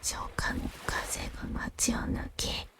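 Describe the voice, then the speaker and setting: A woman narrating gentle fantasy stories in a soft, unvoiced ASMR whisper, soothing and unhurried.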